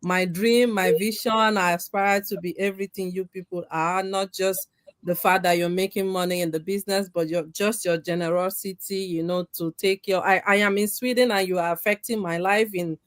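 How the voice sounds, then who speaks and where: A woman's voice: medium pitch, fairly even intonation, moderate pace, dry recording. A woman giving an earnest, tearful personal testimony, often breaking off and restarting her sentences. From Nigeria. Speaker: community member giving a testimony.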